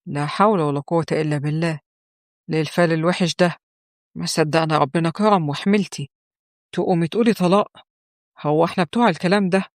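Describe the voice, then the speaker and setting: A woman's voice: low voice, fairly even intonation, fast talker, pauses often, darkish tone, no echo, studio quality, natural voice. A woman voicing a blustering, jovial middle-aged father who scolds and exclaims, in an Egyptian accent. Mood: scolding. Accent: Egyptian Arabic.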